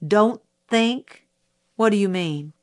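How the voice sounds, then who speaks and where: Lady doing a mean prosecutor guy, slow and sneery, drawls each question out. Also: mid-range voice, close to an everyday voice. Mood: scornful. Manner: slow, cutting, rising in outrage. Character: stern male prosecutor, sneering and scornful.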